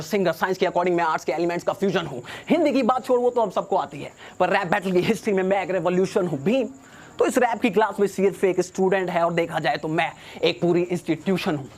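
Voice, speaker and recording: A young man with a high voice spits battle-rap verses at a rival. He sounds cocky and taunting, with a mocking edge to every rhyme and English phrases thrown in. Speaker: battle rapper.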